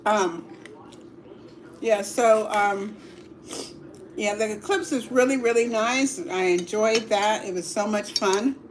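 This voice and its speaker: Woman, middle-aged, livestream host, casual eating chat, very slow, hums between bites, faint noise, clinking dishes. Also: mid-range voice. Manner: slow and relaxed, savoring food with hums.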